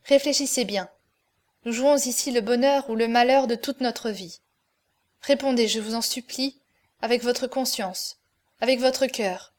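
Rich: A woman reads a tormented man torn between love and duty, his questions raw and pleading. The voice sits a little high, as she keeps close to her own reading voice in this audiobook. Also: unhurried, close to an everyday voice.

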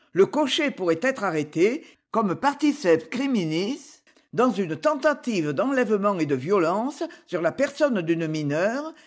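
A woman playing a measured, formal old lawyer. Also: mid-range voice, a little mellow. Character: fussy, fair-minded older male lawyer. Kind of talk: audiobook character reading.

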